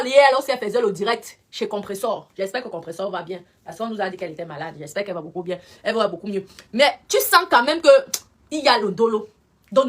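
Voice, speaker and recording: A woman's voice: fairly high pitch, a bit bright. A woman, giving casual live-stream commentary, talking straight to her viewers and repeating her points for emphasis.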